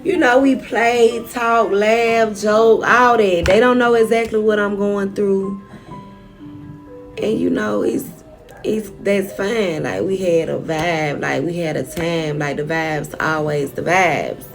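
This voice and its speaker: A woman's voice: medium pitch, fairly even intonation, slow, soft background music. A young woman vlogger telling a personal story straight to her viewers, frank and often profane.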